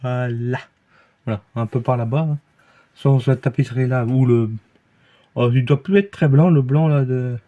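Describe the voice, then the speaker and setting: A man with a Belgian French accent talks through a beer review in an easygoing, meandering way, stumbling over words and circling back on himself. His voice sits at an ordinary middle pitch for a man. The recording is somewhat dull and lo-fi, as if captured at home. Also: fairly even intonation, normal speed. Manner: hesitant, rambling, many fillers and restarts. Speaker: vlogger reviewing beers. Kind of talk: casual rambling review.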